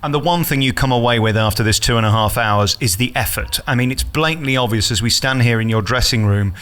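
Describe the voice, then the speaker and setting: A man's voice: medium pitch, fast talker, a bit bright, clean tone. A man interviewing someone conversationally, putting admiring, leading questions. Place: theatre dressing room.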